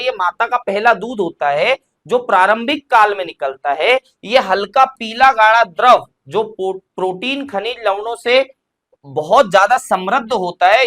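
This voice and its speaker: A man's voice: high voice, fairly bright tone. Man teaching an exam-prep lesson. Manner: explains step by step, asks and answers his own questions.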